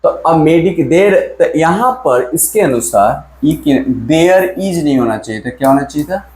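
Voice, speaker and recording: In an exam-prep grammar lesson, a man keeps quizzing his viewers, repeats key words, and stretches out each English sentence he reads aloud. His voice runs on the high side, with a darkish tone, animated yet unhurried. The room he's in echoes.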